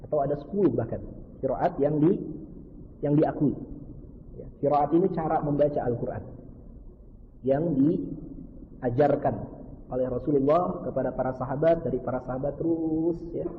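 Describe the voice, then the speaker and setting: A man's voice: mid-range voice, phone-quality sound, slight background noise. Indonesian man teaching in a reverberant mosque. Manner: explains patiently, repeats key words with frequent "ya". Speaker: Quran study teacher. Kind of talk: mosque study lecture. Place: mosque hall.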